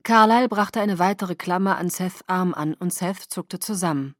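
A woman reading a first-person novel aloud in an expressive audiobook narration. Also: lowish voice, normal speed, no echo, studio quality.

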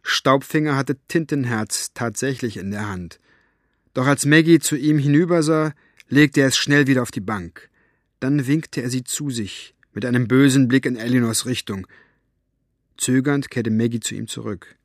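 A man narrating a story in a measured, storytelling manner, close to the mic. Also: mid-range voice, no echo. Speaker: audiobook reader. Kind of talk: scripted narration.

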